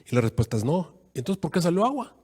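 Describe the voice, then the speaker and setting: A man preaching a sermon as pastor, acting out quoted voices with sudden jumps in pitch. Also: very animated, fast talker, a little mellow, husky.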